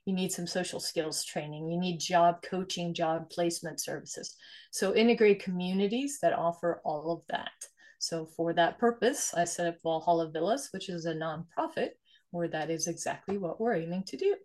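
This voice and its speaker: A woman in her forties, originally from Sweden, speaks in a somewhat low voice. She explains things earnestly and conversationally, often tagging her points with "right?". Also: moderate pace, darkish tone. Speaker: guest, investor and nonprofit founder. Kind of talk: conversational interview.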